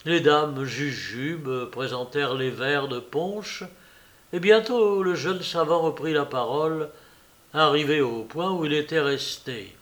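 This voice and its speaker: A man narrating a story in a measured audiobook reading. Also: fairly high pitch, fairly bright tone.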